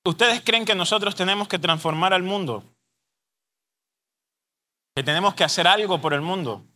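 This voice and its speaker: A man's voice: high-pitched, moderate pace, pushed and bright. A man preaching a sermon at a youth congress, telling a story and acting out the voices of the people in it. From Colombia. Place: church congress hall.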